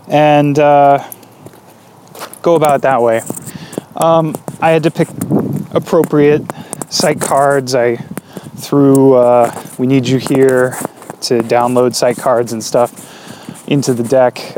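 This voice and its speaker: A man hosting a podcast on his own, rambling and hesitant with many fillers, recorded in low quality while walking a dog outdoors. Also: darkish tone, slight background noise. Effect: low-quality audio, recorded while walking outdoors. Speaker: podcast host. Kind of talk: casual solo podcast chat.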